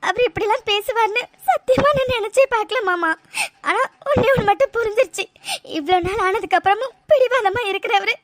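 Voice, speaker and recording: A woman voicing a heartbroken young woman in a cartoon, pleading tearfully and apologizing. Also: extremely high pitch. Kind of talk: cartoon voice acting.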